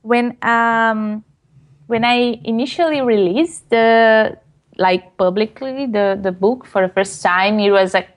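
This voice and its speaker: With a fairly high voice and a slow pace, a Brazilian woman who's a guest author answers interview questions casually and hesitantly, filling her speech with fillers. She is a non-native English speaker with a Brazilian Portuguese accent.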